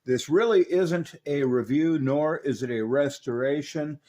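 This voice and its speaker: This radio repair hobbyist and video host narrates a repair demonstration informally, sounding conversational, matter-of-fact and opinionated. His voice is a little high and dark in tone, and he takes his time.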